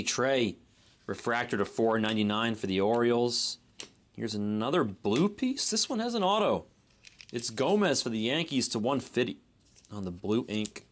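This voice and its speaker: Low-voiced man hosting a card break. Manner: easygoing running commentary, unsure of name pronunciations. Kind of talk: casual live commentary.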